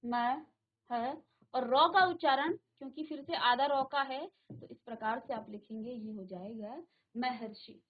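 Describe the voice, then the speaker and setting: A woman's voice: sits high, lo-fi sound. A woman teacher giving a classroom grammar lesson, repeating terms and asking the class questions, in a virtual classroom studio.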